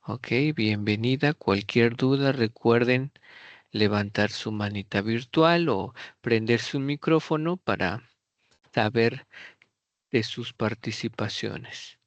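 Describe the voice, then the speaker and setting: Slow, measured teacher on a video call. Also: male voice, medium pitch, dry recording, highs cut off. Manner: slow, explanatory, modelling question intonation. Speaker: English teacher. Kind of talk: online class lecture. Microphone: computer mic on a video call.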